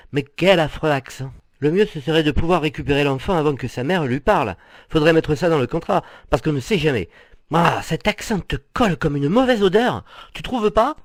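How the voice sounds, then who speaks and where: An actor playing a doting, theatrical older husband who teases and gossips affectionately. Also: male voice, fairly high pitch, no echo, clean studio sound.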